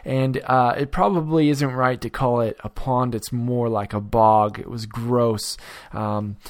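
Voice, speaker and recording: A young man from around Vancouver gives a casual daily devotional into a close mic. He talks in a relaxed, chatty way, full of fillers and restarts, at an ordinary mid pitch for a man. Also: a little slow. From Vancouver area, Canada. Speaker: youth devotional speaker.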